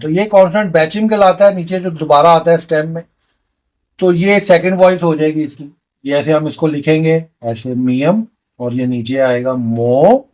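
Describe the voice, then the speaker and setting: A man's voice: a little high, a little mellow. A man teaching a beginner language lesson, patiently repeating each sound step by step. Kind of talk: slow explanatory lesson.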